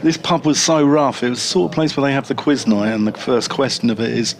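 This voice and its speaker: A man's voice: medium pitch, fast. A man commentating on cricket, chatting and joking between deliveries in a rambling way. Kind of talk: radio cricket commentary with chat.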